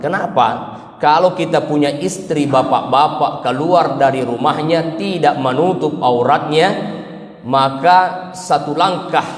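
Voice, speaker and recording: A man preaching a dawn sermon, storytelling with lively swings and acting out the voices of the people in his stories. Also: a little high. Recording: echoey hall with long reverb.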